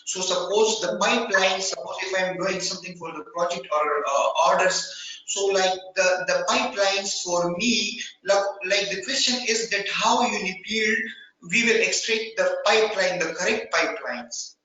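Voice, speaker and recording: A man's voice: high-pitched, normal speed, sharp tone, lo-fi sound. Man on a laggy, echoey remote call line. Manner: hesitant, many fillers. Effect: laggy, delayed remote call connection. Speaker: meeting participant asking a question. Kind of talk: halting question on a video call. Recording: very echoey room, far from the mic.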